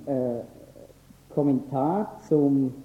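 Bible teacher, male, earnest, emphatic, some filler pauses, thin phone-band sound in a roomy echo. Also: medium pitch. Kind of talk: lecture on scripture. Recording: echoey, phone-like lo-fi recording.

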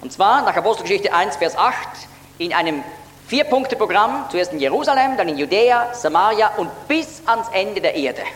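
A man's voice: sits high, very animated, normal speed, fairly bright tone. A man giving an earnest, explanatory Bible teaching sermon, lifting his voice to stress key words. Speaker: preacher. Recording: echoey hall with faint hum.

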